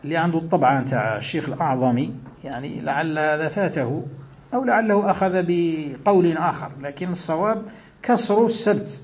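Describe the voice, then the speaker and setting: High-voiced scholar teaching hadith. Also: male voice, brisk. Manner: explanatory, mixes classical and colloquial Arabic, asks the listeners questions. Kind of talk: religious lesson.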